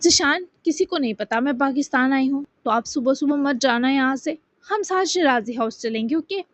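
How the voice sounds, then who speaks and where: A woman's voice: high-pitched, lively intonation, no echo. Woman voicing a shy, sweet young woman. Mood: bashful. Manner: pleading and bashful. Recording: dull dry lo-fi sound.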